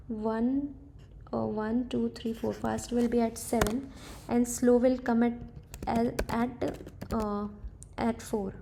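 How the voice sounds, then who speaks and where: A woman works through a coding problem out loud at an unhurried pace, hesitating and catching her own mistakes. Her voice is mellow and slightly gravelly, with little rise and fall. Faint keyboard typing sits behind her. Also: fairly high pitch, a little hiss or hum. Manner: hesitant, tentative, self-correcting. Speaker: coding tutor. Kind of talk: thinking aloud while solving a coding problem.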